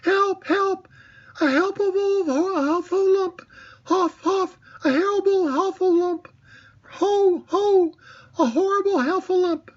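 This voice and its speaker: An older man voicing a tiny, timid young male piglet who squeaks and stammers breathlessly. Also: slow pace. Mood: panicked. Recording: dull lo-fi recording.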